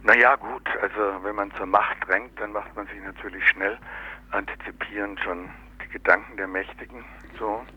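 Speaking at a moderate pace in a fairly low, steady voice, this man offers sardonic, colloquial political criticism without a script. He frequently hunts for words and adds small question tags, all captured in dull lo-fi local radio audio.

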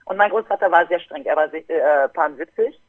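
A woman in her fifties, an interview guest, telling a story in a lively way and acting out her relatives' voices over a phone line. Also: low voice, a little fast, dry recording. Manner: animated, acts out family members' voices. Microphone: telephone. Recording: tinny dry phone line.

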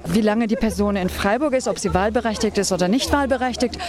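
A woman's voice: medium pitch, fast. A woman campaign organizer giving a street interview outdoors, explaining earnestly with frequent hesitant fillers. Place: outdoors in front of a theater. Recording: busy outdoor street crowd. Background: crowd chatter.

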